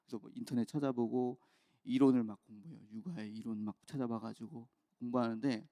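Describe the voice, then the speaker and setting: A man in his thirties, a pastor telling a candid personal story in an early-morning sermon, with quick bursts and soft trailing asides. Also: medium pitch, steady tone, no room sound, clean studio sound. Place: church.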